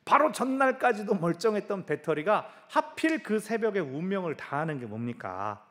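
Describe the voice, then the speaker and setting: Lively, high-pitched preaching pastor. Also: male voice, normal speed. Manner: animated storytelling with sound effects. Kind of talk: sermon. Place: church.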